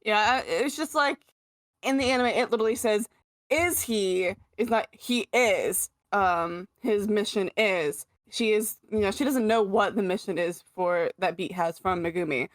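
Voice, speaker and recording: A woman's voice: mid-range voice, moderate pace, no room sound. Chatty woman cohost on a fan podcast, lots of ums, dry mic. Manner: chatty, lots of fillers, laughs often. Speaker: podcast co-host. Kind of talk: casual chat.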